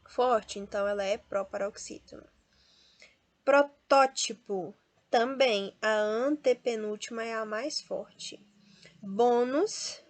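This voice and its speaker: A woman teacher with a Brazilian Portuguese accent who explains step by step and draws out each example word. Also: a little high. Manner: explains step by step, often adds tag questions; stresses and drawls out example words. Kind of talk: classroom lesson.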